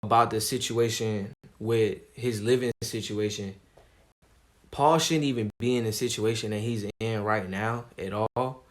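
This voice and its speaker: A man on a livestream talks in a calm, laid-back way, never raising his voice. His speech is slangy and casual, and his voice sits somewhat low. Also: unhurried. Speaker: streamer.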